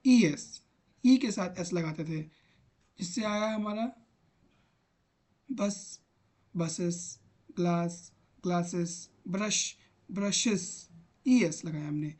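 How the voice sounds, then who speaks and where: A man's voice: high voice, lively intonation, slow, pauses often, mellow. A man teaching an online grammar lesson, patiently repeating examples aloud as he types on screen. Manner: talks while typing on screen.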